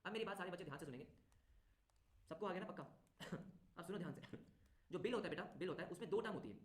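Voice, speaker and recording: A male tutor teaching an online class, talking briskly, repeating phrases and urging students to answer quickly. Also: high voice, lively intonation. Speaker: commerce exam tutor. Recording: roomy echo.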